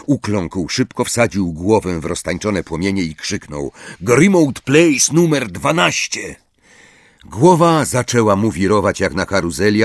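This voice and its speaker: A man reading a fantasy novel aloud as an expressive audiobook narrator. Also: on the low side, no room sound, clean studio sound. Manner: expressive storytelling. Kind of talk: scripted narration.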